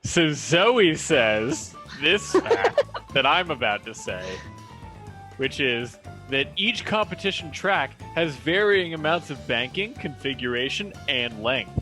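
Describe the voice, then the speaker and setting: A man's voice: a little high, sing-song, slow, pushed and bright, soft background music. A man playing a tabletop game with friends, joking and laughing. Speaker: player. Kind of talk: casual tabletop game play.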